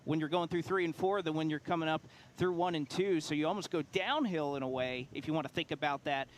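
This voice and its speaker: A man's voice: a little high, a little fast. A man giving conversational, explanatory race commentary as a broadcast commentator at a racetrack. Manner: explanatory, analytical.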